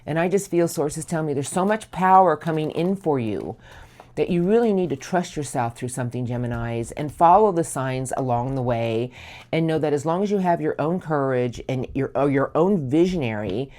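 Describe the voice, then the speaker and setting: Very low-voiced woman reading tarot. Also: a little mellow. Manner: soothing, affirming, drawn-out emphasis. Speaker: tarot reader.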